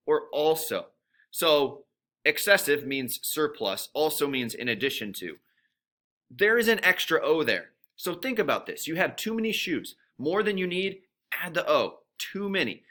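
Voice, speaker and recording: A male teacher giving a recorded grammar lesson, with wisecracks between the rules. His voice swings widely in pitch and has a bright, forceful edge. He hits key words with strong emphasis. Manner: playful, jokey, emphatic.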